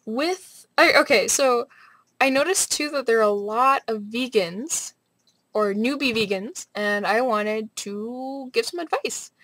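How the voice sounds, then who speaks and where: Young female vlogger, slightly high voice, animated rambling casual delivery, little room sound. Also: measured pace, no room sound. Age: young adult. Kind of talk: casual rambling vlog chat. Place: small bright room at home, indoors.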